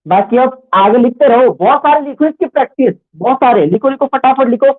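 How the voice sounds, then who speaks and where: A man teaching a Hindi grammar class, slowly dictating words and repeating each one for students to write. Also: very high voice, lively intonation. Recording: tinny phone-like sound.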